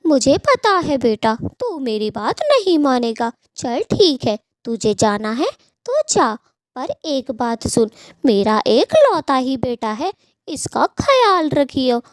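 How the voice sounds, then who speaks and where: A woman's voice: sits high, very animated, slow pace, dry recording, clean studio sound, full character voice. A woman voicing a worried old mother in a cartoon story who pleads and fusses over her son. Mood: resigned. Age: older. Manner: pleading, fussing and complaining.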